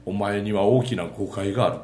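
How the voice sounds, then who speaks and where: Man voicing a grimy old poverty god in a storytelling bit, low and gruff, lecturing, echoey room. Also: brisk, a little mellow, close to an everyday voice. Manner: low gruff Kansai-style growl.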